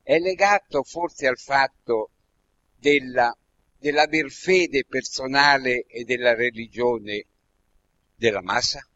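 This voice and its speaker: A man's voice: mid-range voice, takes it slowly, sharp tone, highs cut off. A man in the audience putting a question to the speaker at a public talk. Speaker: audience member asking a question.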